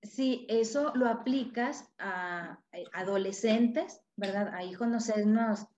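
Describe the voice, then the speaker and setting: Expressive woman, echoey lo-fi sound. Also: medium pitch, slow pace. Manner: acts out parent and child voices in examples. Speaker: parenting guest expert. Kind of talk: explanatory interview talk.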